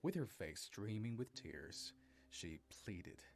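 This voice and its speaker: A man narrating a dramatic family story in a steady storytelling manner. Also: fairly low pitch, slow, gravelly.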